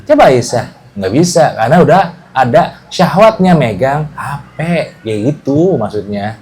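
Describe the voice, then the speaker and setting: This is a relaxed religious study lesson led by a man for a small group, with frequent checks that everyone follows. His voice is mid-range and his speed normal.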